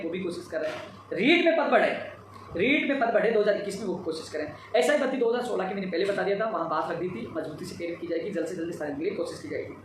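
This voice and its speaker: A job-seeker advocate, tired after a long day, gives followers an emphatic, repetitive live update on recruitment demands. His voice sits high and is heard far from the mic, with heavy reverb and a noisy background.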